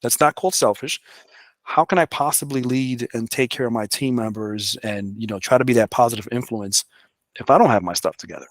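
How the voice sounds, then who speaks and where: A man's voice: medium pitch, fairly quick, no echo. A man, a public works director, talking candidly in a casual interview and often adding "you know". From the Bronx, New York.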